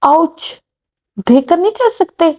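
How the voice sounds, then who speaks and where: A woman voicing a feisty, sharp-tongued young woman in a romance story. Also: extremely high pitch, lively intonation, slow, pitched above the performer's own voice, heavily acted. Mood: snappy. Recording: muffled lo-fi recording.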